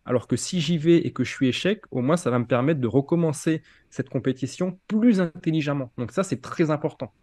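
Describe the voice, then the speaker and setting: A man in his forties from France, talking through his own story in a relaxed interview. He slips in and out of acted-out quotes with plenty of hesitations. The recording is close and dry, with no room sound. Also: fairly high pitch, a little fast, few pauses, no room sound. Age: 40s. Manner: animated storyteller, acts out dialogue, many fillers. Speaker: interviewee, ultra triathlete.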